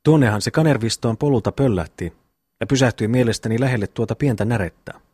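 A man reading the part of a steady grown brother who speaks in an earnest, urging way. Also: mid-range voice, breathy edge, no room sound, lightly acted. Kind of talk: audiobook reading.

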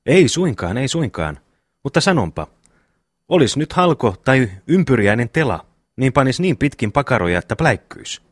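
A man reading the part of a slow, good-natured young brother in an audiobook, plodding and homely. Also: medium pitch, big pitch swings, slightly rough, dry recording, clean studio sound.

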